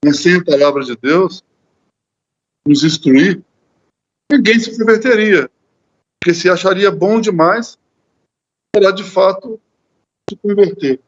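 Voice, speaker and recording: A man's voice: sits high, measured pace, long pauses, highs cut off. A man with a Brazilian Portuguese accent giving an earnest Bible study talk in a church, often repeating words as he searches for them. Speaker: lay preacher.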